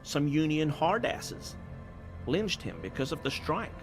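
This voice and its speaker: A man's voice: a little high, big pitch swings, unhurried. An actor playing a nervous, ashamed male assistant in a video game, speaking apologetically. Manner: apologetic, sheepish. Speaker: game character. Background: game music.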